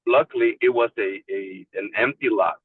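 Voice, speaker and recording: A man's voice: on the low side, steady tone, moderate pace, breathy edge, no room sound. A man from Mexico calling in on a car speakerphone while driving, telling his story in a candid, loose way. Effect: car speakerphone call. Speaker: support group member. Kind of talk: casual personal story. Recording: tinny phone line, distant mic in a car.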